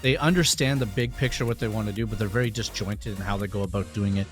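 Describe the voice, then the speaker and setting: A man's voice: fairly low pitch, quick pace, faint music behind. A man giving conversational tactical analysis as an esports analyst.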